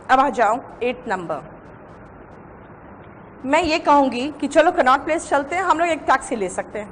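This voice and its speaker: A woman with an Indian accent teaching English grammar to a class, dictating notes slowly and repeating phrases. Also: high voice, a bit bright, in a large hall, slight background noise. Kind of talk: classroom lecture in Hindi and English.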